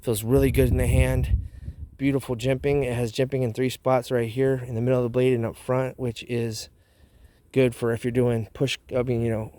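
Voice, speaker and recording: Man, casual review vlogger, dip of chewing tobacco in mouth, medium pitch, dry outdoor sound. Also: flat delivery, normal speed, dark tone, no echo. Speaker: knife review channel host. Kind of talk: casual product review vlog.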